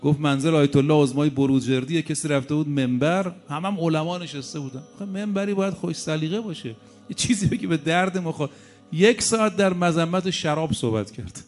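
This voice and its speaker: A male preacher in his fifties delivering a sermon, lively and conversational, dropping asides and rhetorical questions into his stories. His voice sits somewhat high for a man, and faint music plays underneath.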